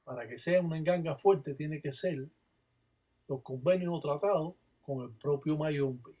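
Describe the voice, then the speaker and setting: A man's voice: a little high, a little slow, dark tone, muffled recording. A man, a Palo Mayombe priest, giving a religious teaching narration and chanting ritual phrases with repeated refrains.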